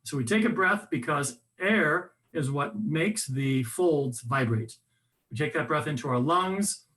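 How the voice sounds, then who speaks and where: A man with a fairly high voice presents a voice workshop at a measured pace. His manner is conversational, animated and instructive, with lots of fillers and sentences he keeps restarting.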